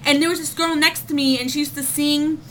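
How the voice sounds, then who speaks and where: A woman's voice: high-pitched, fairly even intonation, a little fast, fairly bright tone, slight background noise. A young woman giving casual singing tips in a home vlog, chatty with lots of fillers, breaking into short sung demo notes.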